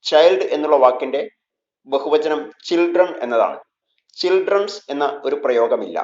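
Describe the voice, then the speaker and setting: A man with a Malayali accent teaching English in a scripted lesson. He reads English phrases slowly and then explains them in Malayalam. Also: a little high, lively intonation, darkish tone, highs cut off.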